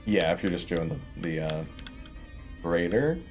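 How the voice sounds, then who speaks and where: A man's voice: deep voice, animated, a little slow, soft background music. A man acting as game master, narrating a tabletop role-playing game in a casual, informal, sweary way.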